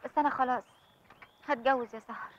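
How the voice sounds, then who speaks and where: A woman's voice: sits high, fairly even intonation, fast, a little hiss or hum, natural voice. An actress with an Egyptian accent playing a young bride torn between duty to her father and the man she loves, speaking earnestly and pleading. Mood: upset. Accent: Egyptian Arabic. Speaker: bride in a film. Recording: slightly muffled film soundtrack.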